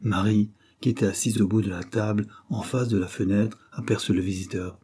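A man narrating an audiobook in a steady, even reading manner. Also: lowish voice, brisk, husky. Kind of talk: scripted narration.

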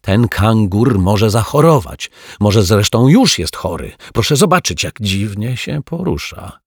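A man's voice: lowish voice, expressive, moderate pace, vocal fry, husky, dry recording, studio quality, heavily acted. A man voicing a fussy, grumpy grown detective who scolds and huffs with indignation in a children's story. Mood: indignant.

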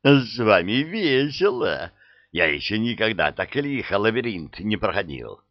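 A man's voice: lowish voice, sing-song, a little slow, no echo. A man voicing a carefree, cocky male labyrinth guide who drawls and teases. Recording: dull dry studio sound.

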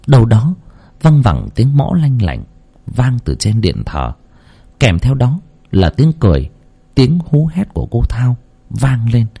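A man's voice: lowish voice, dark tone, husky. A man narrating a horror story dramatically.

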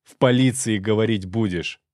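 A man narrator voicing a fiery, quick-tempered businessman husband who barks gruff threats. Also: on the low side, darkish tone, no room sound, clean studio sound, natural voice. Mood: furious.

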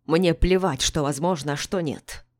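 A bitter middle-aged doctor from an audiobook snaps his lines with open contempt, as a woman reads him. The voice sits low and dark. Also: moderate pace. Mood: furious. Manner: harsh, snapping and contemptuous. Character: gruff embittered middle-aged male doctor.

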